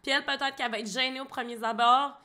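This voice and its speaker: A young woman with a Québécois accent talks over clips in a casual reaction video. Her voice sits high and bright. She is blunt and excitable, and she swears often. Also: fast. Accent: Québécois French. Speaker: host reacting to show clips.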